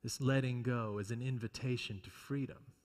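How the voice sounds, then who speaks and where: A man preaching a solemn pulpit sermon in a deliberate manner, with dramatic pauses and repeated phrases. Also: mid-range voice, steady tone, darkish tone. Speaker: preacher giving a homily. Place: large church interior. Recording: echoey hall with long reverb.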